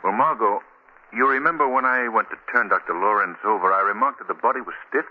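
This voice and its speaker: An actor playing a calm, sinister crime fighter in 1940s radio drama, measured, commanding and theatrical. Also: male voice, lowish voice, natural voice. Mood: grave, intrigued. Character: Lamont Cranston, calm crime-fighting man who is the sinister invisible Shadow. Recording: muffled, noisy 1940s radio recording.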